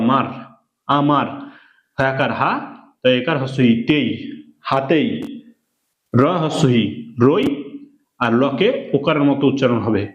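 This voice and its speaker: A man teaching reading, spelling words out syllable by syllable in a patient, repetitive way. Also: a little high. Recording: echoey room, dull lo-fi sound.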